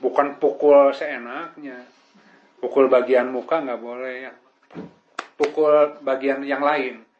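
A man's voice: medium pitch, steady tone, takes it slowly. A man preaches in an easy, conversational way, checking in with his listeners through frequent tag questions. His voice sits in a middling register, and the recording sounds muffled and lo-fi. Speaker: Islamic preacher. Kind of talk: casual religious lesson. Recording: dull lo-fi recording.

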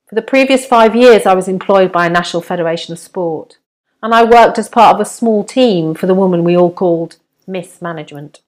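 A middle-aged woman reads her own self-help book aloud. She speaks straight to the listener, encouraging and personal, with a steady narrating delivery. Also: medium pitch. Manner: warm, direct address to the reader, encouraging. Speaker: author and narrator.

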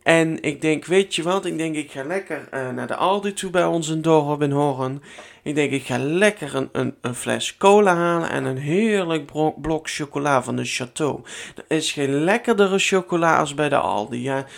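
A man's voice: a little high, normal speed, gravelly. A young Dutch man hosting his own podcast from home, chatting in a rambling, chatty way and swearing casually. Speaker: podcast host. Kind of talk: casual solo podcast chat.

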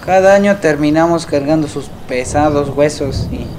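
Un hombre con acento mexicano que da voz a un padre esqueleto fantasma, quejumbroso y exasperado. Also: male voice, fairly high pitch, normal speed, noisy background, natural voice. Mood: soothing. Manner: exasperated, soothing, groaning. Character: fussy skeleton family father, ghost.

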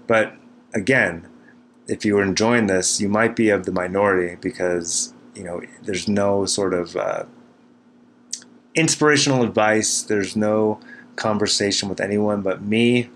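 A man's voice: on the low side, measured pace, fairly bright tone. A man hosting a solo podcast from a cabin, rambling casually in a dry, self-deprecating way. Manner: self-deprecating, dryly wry. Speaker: podcast host. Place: small cabin kitchen in the mountains. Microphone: recording into a computer. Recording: noisy cabin room recording.

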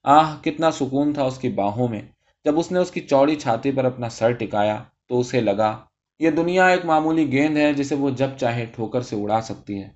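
A man reading a story aloud as narrator in a steady, even manner. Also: medium pitch, highs cut off.

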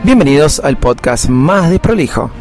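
Man, Argentine accent, ringmaster-like showman, theatrical podcast intro, raised pitch, music behind. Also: animated, normal speed. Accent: Argentine Spanish. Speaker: podcast host.

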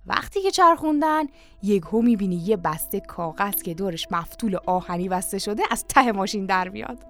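A woman's voice: mid-range voice, animated, close to an everyday voice. Woman voicing a boastful scheming country dad. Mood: eager boasting. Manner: eager, coaxing, boastful salesman talk. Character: boastful scheming country father, middle-aged man.

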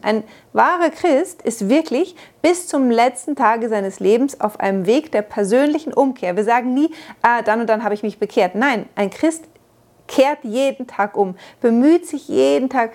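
A woman's voice: a little high, darkish tone. A woman giving an earnest Bible commentary in a sermon style, explaining a passage step by step and lifting her voice to stress key points. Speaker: Bible teacher.

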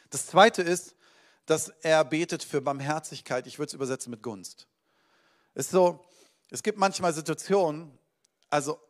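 A man preaching a sermon as a pastor, speaking with energy and swinging between loud emphasis and quiet asides. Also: fairly high pitch.

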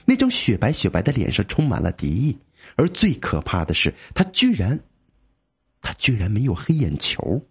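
Husky, lively male storyteller. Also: medium pitch, moderate pace. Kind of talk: comic ghost story narration.

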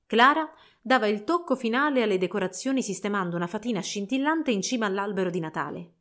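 A woman narrating a fairy tale for children in a slow, measured storytelling voice. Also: medium pitch, expressive, fairly bright tone.

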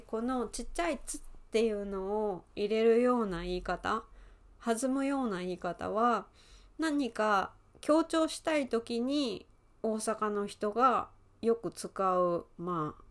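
A woman in her thirties with an Osaka accent, hosting a podcast lesson and explaining words in an easygoing way with fillers and soft laughs. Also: mid-range voice. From Osaka, Japan. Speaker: Japanese teacher and podcast host.

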